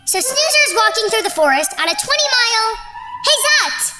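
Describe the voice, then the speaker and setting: A woman voicing an excitable little cartoon creature who tells stories in a bouncy way. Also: extremely high pitch, normal speed, over loud music. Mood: excited. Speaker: puppet character performer.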